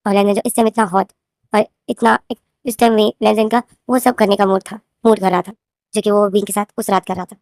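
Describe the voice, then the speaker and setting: A woman with a sore throat briskly and casually retells her own fanfiction to her viewers, rambling, repeating names and phrases, and calling them "guys." Her medium-pitched voice is darkish, with little pitch movement. The clean studio recording has no room sound.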